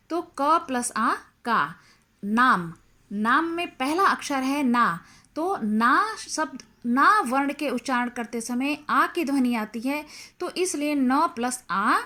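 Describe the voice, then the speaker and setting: A woman's voice: high-pitched, pushed and bright. A woman teacher explaining a grammar lesson, carefully breaking words into their sounds one by one. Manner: slow, deliberate, spelling out sounds one by one.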